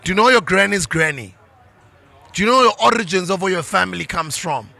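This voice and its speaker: A man's voice: sits high, lively intonation, brisk, creaky, bright, forceful tone. A middle-aged South African man giving a passionate, preachy motivational talk to parents. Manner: passionate, preachy, switches into isiZulu. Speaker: motivational speaker. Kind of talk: motivational monologue.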